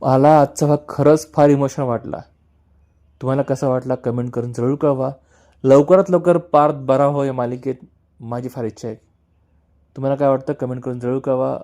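A man's voice: mid-range voice, steady tone, normal speed, dark tone. A man casually retelling a television serial episode and addressing his viewers as friends. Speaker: television serial recap narrator. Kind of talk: casual storytelling recap.

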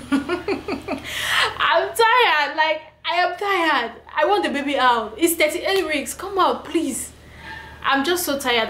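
A woman's voice: on the high side, a little hiss or hum. A young pregnant woman vlogging to camera, venting in an emphatic, repetitive way. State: heavily pregnant. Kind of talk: personal vlog, talking to camera. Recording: echoey room with faint ambience.

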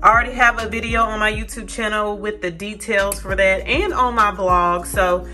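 Music plays in the background as a woman in her thirties with an American accent chats casually to her viewers, whom she addresses as y'all. The lifestyle vlogger has a medium-pitched, steady voice at a moderate pace, and she records in a parked car and a home kitchen.

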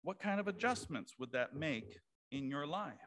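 A man's voice: on the high side, expressive, moderate pace, fairly bright tone. A male pastor preaching a sermon to his congregation in a conversational way, with asides to the room. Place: church sanctuary.

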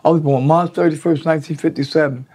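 A man's voice: a little high, quick pace, breathy edge. A man in his sixties, seated in an indoor studio, telling stories in a casual, profane way and acting out the voices of the people he quotes. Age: 60s. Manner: animated, profane storyteller who acts out quotes. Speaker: interviewee. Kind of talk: casual storytelling interview. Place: indoor studio in front of a draped backdrop.

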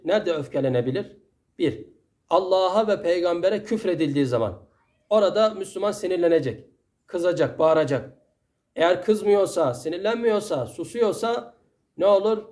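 A man's voice: a little high, expressive, moderate pace, darkish tone. A man giving a Friday sermon in an earnest, admonishing way, full of rhetorical questions, with a Turkish accent. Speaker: preacher.

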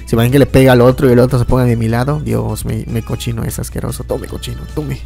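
A man giving casual, excitable gameplay commentary, often yelping and laughing at the game. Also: mid-range voice, quick pace, gravelly, faint music behind. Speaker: gaming YouTuber.

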